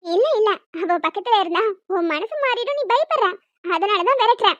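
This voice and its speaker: A woman voicing a bossy pregnant young cartoon woman, her voice pitched very high and almost childlike as she firmly talks others round. The sound is dull and lo-fi, dry and close. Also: expressive, moderate pace, fairly bright tone, dry recording. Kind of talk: cartoon dialogue.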